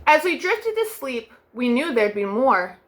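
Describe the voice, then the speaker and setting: Reading picture books to children at storytime, a young woman uses a gentle, sing-song delivery and stretches out soft refrains. Her high voice swings widely in pitch, with slight background noise audible.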